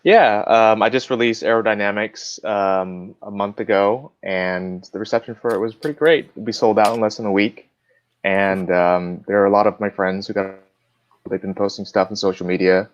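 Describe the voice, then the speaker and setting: A man's voice: lowish voice, fairly even intonation, moderate pace, dry recording. A man chatting as a guest on a live stream, explaining things in an easygoing way with plenty of fillers. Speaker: guest cardist. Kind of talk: casual live-stream chat. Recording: dull lo-fi dry sound.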